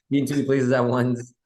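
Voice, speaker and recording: A man's voice: mid-range voice, a little mellow. A young man in his twenties from Oklahoma, a guest in a casual video-call interview, friendly and easygoing with many fillers. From Oklahoma, USA. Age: young adult. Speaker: guest, politician. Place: bedroom at home.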